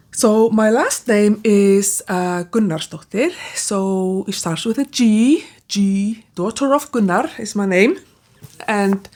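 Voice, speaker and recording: A woman, chatting casually about her books with frequent restarts and trailing asides. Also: medium pitch. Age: 40s. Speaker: book vlogger. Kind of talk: casual book-tag chat.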